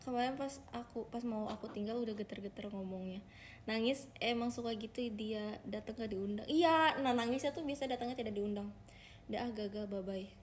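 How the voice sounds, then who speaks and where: A woman's voice: a little high, a little fast, a little hiss or hum. A young woman hosting a casual livestream, chatting with her viewers and calling them guys. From Indonesia. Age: young adult. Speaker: idol livestreamer.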